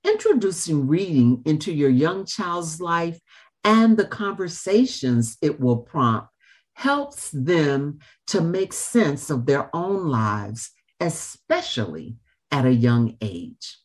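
A woman hosting an interview in a formal, measured and emphatic manner, with deliberate phrasing. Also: sits low, big pitch swings, darkish tone. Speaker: show host and interviewer. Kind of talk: formal scripted introduction and interview.

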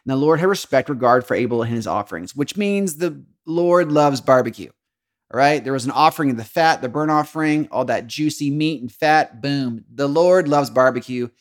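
A man at an easy middle pitch talks through scripture like he's chatting with friends. He drops casual slang, laughs a lot, and throws himself into the voices of the people he quotes. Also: expressive, normal speed. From Texas. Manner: laid-back slangy talk, laughs often, acts out quoted lines. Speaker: podcast host. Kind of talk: casual devotional Bible talk.

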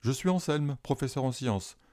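A man's voice: medium pitch, expressive, moderate pace, darkish tone, pitched above the performer's own voice, lightly acted. A man voicing a cautious, formal science professor leading an expedition. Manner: earnest, formal. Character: older male science professor, cautious leader.

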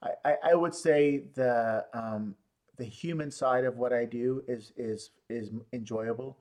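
A man's voice: medium pitch, steady tone, a little mellow. A man who runs a law firm, telling stories in an interview, with lots of restarts and fillers. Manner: halting, many restarts and fillers. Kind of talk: conversational storytelling. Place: San Luis Obispo area.

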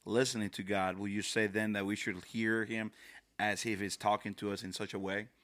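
A man's voice: lowish voice, little pitch movement, normal speed, a bit bright, no echo. A man co-hosting a faith podcast, speaking reflectively and repeating words as he thinks. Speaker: podcast co-host. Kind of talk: casual faith podcast talk.

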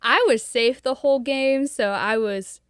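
Giggly young woman with a bright, higher voice. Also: unhurried, smooth, no echo, clean studio sound. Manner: giggly, lively. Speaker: podcast co-host. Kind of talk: casual chat.

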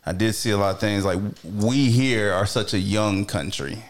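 A low-pitched man co-hosting a casual podcast. He chimes in agreeably and then works through his thoughts in plain, relaxed talk. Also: normal speed. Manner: agreeable, says "right" often, reflective.

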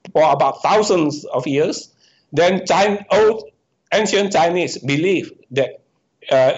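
A slightly high-pitched man speaks as a professor giving an interview. He reasons step by step, stops mid-word and corrects himself. The recording is dull and muffled, like lo-fi audio. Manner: halting, self-correcting, explaining step by step. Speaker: economics professor, guest. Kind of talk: answering questions in a podcast interview.

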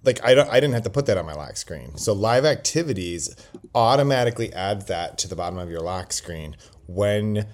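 Low-voiced man chatting on a podcast. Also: expressive, a little fast. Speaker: podcast host. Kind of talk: casual chat. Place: quiet indoor place while traveling. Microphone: built-in laptop microphone.

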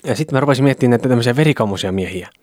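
A man's voice: mid-range voice, no room sound, clean studio sound. A man co-hosting a podcast, telling stories bluntly and with jokes in a casual chat. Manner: joking, blunt, animated storytelling. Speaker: podcast co-host.

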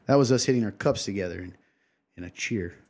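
A man's voice: lowish voice, quick pace, a little mellow. A young man co-hosting a podcast in casual chat, teasing and often laughing. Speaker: podcast co-host.

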